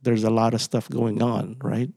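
A man interviewing a guest, asking gentle, encouraging follow-up questions in English with some Tagalog. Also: mid-range voice, little pitch movement, measured pace, gravelly, no room sound.

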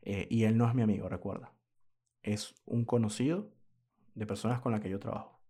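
A man's voice: on the low side, steady tone, a little fast, mellow, breathy edge. A man hosting a podcast, telling a story in a casual monologue, indignant and moralizing, throwing rhetorical questions at his listeners. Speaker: podcast host.

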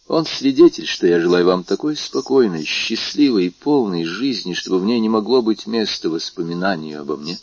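Man reading a sad calm young lover, low gravelly voice, quiet and resigned, husky. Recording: dull lo-fi recording.

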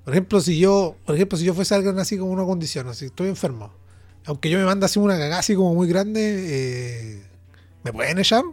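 A man's voice: high voice, lively intonation, quick pace, a little mellow. A man with a Chilean accent co-hosting a casual chat, slangy and full of questions. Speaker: podcast co-host.

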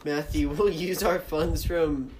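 A man's voice: on the high side, fairly even intonation, slow, background noise. A young man co-hosting a casual podcast, arguing football picks and teasing his friends. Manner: argumentative, teasing. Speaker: podcast co-host. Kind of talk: casual chat about football.

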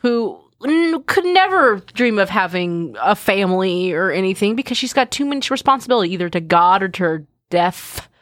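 A woman's voice: mid-range voice, normal speed, hardly any pauses, no room sound, clean studio sound. A woman co-hosting a podcast, chatting casually, swearing freely and reading aloud with dramatic flair. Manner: animated, swearing, giggly, reads aloud dramatically. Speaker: podcast co-host. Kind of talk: casual chat.

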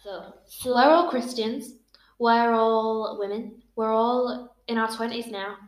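A 21-year-old woman hosts a relaxed podcast chat, her voice sitting a little high. She talks in a friendly, meandering way, full of fillers. The room around her gives a noticeable echo. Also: slow. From England. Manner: chatty, laughs often, uses "like" a lot. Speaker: podcast host. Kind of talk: casual chat. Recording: roomy echo.

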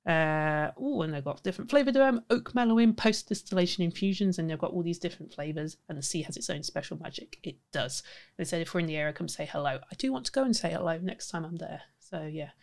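A young woman in her twenties hosts a casual podcast. Her voice sits slightly low, and she chats in a rambling, friendly way. She giggles often and corrects herself mid-sentence. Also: animated, fast talker, vocal fry, darkish tone. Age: 20s. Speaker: podcast host. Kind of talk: casual chat.

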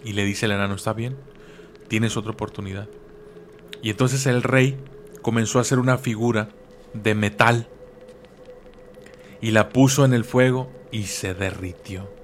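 A man's voice: on the low side, fairly even intonation, normal speed, long pauses, a little hiss or hum. A man telling a folk legend casually, with slang asides and repeated words. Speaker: storyteller. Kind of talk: casual oral storytelling.

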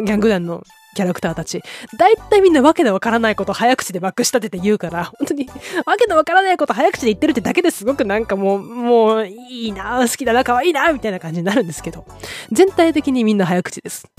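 A woman's voice: medium pitch, a little mellow. A woman hosting a podcast, chatting casually and enthusiastically about films and acting out quoted lines. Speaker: podcast host. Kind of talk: casual film chat.

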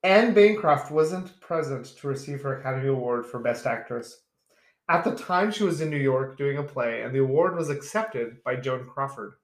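A man's voice: mid-range voice, lively intonation, moderate pace, roomy sound. A man co-hosting a casual podcast chat, reading out film trivia and laughing often. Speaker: podcast co-host.

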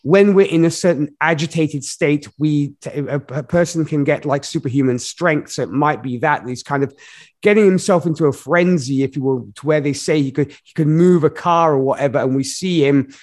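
A male podcast co-host talks about movies on a casual review show, rambling animatedly with lots of fillers and laughter. His voice is a little high and his pace is normal.

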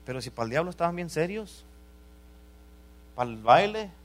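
Pastor, fairly high voice, lively preaching that rises to loud calls and drops to quiet asides. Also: male voice, a little fast. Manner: repeated "amén" calls to the congregation. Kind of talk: sermon.

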